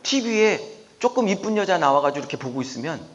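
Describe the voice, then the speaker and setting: A middle-aged man preaches a sermon as pastor, his slightly high voice leaping about in pitch. He swings from hushed, soft asides to loud, emphatic outbursts. The recording is dull and lo-fi, with a faint noise of the room behind him. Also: fast talker, in a large hall. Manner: animated, swinging from soft murmurs to loud exclamations.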